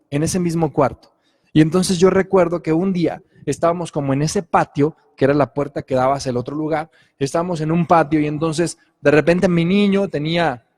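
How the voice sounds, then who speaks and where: Husky, dark-voiced male preacher in a hall. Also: on the high side. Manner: earnest storytelling with frequent "¿sí?" check-ins. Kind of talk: sermon.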